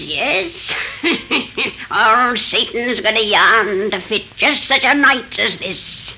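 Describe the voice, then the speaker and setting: A woman's voice: a little high, sharp tone, heavily acted. A woman playing an ancient, gleefully eerie witch who tells horror tales in rustic, archaic speech on 1930s radio. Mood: gleeful, sly. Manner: archaic rustic dialect, cackling, drawn-out delivery. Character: ancient cackling witch, 117 years old, gleefully eerie storyteller. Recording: noisy 1930s radio recording.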